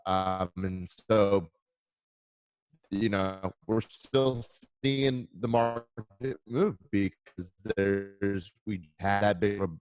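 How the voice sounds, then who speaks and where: Real estate guy on a laggy internet call, voice slows down then speeds up, deep and kinda halting. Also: a little mellow, smooth, no echo, rough recording. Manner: halting, filler-heavy talk. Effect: internet call audio speeding up and slowing down. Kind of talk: remote call-in chat on a radio show. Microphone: internet call line.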